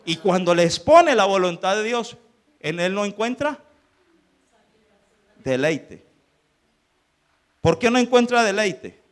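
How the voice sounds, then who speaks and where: A man's voice: high-pitched, expressive, slow, long pauses. A man preaching a sermon as pastor, firing rhetorical questions at the congregation. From Colombia.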